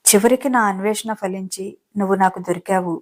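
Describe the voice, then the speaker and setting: A doting young husband from a romance audiobook, rich and teasing, who coaxes his bride with tender, playful words, as a woman narrator reads his lines. His voice sits at an ordinary middle pitch, close to everyday speech. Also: fairly quick, natural voice. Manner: affectionate, playful coaxing. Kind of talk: audiobook character reading.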